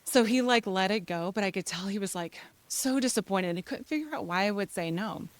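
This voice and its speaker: A woman's voice: medium pitch, animated, fairly quick, dry recording. Conversational woman telling a church story. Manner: conversational storytelling with laughs and acted quotes. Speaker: church speaker. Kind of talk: personal sermon story.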